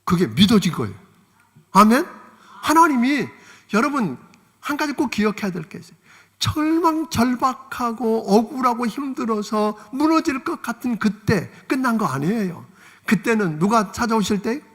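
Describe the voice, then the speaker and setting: A man's voice: very high-pitched, big pitch swings, moderate pace, fairly bright tone, breathy edge, long reverb tail. A male pastor preaching a sermon, asking the congregation for amens and acting out quoted lines. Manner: preaching with call-and-response amens and dramatized quotes. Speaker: senior pastor. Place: church sanctuary.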